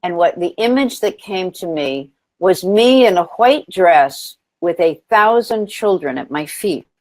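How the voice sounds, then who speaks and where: An earnest woman talks as a guest on an interview show, sharing her story with plenty of ums and restarts. Her voice sits low and grounded throughout. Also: animated, measured pace, darkish tone, dry recording. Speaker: nonprofit founder, interview guest. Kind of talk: interview conversation.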